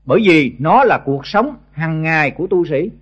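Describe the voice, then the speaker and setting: Recorded on old tape with the highs cut off, a Buddhist monk teacher scolds monks in a blunt sermon. He's an older man with a Southern Vietnamese accent, and his slightly high, husky voice is expressive at a normal pace, though he often stumbles on repeated words.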